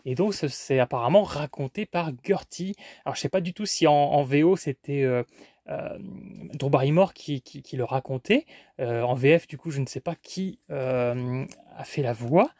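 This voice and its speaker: A man's voice: medium pitch, moderate pace, darkish tone, no room sound, clean studio sound. A man narrating a casual vlog about his flea-market finds, chatty and hesitant with many fillers.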